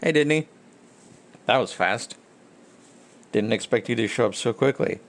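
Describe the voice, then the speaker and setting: A man streaming a video game chats casually with viewers and thinks aloud in a rambling way. His voice is medium-pitched and a little slow, with background noise clearly audible in the recording.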